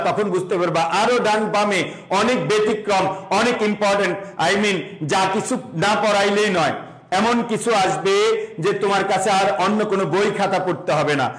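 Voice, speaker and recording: A young male teacher with a Bangladeshi Bengali accent runs a live online lesson and pitches his voice high. He drills the class in call and response, asking each question and giving the answer himself, and drops English words into his speech. The sound is echoey, as if recorded in a bare room. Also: a bit bright. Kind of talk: live online admission-prep lecture.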